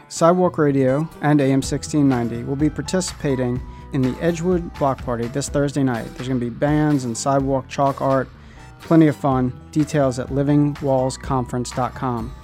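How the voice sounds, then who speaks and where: A man's voice: mid-range voice, dark tone. A man hosting a radio show, giving a scripted intro and outro and asking friendly questions. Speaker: radio host.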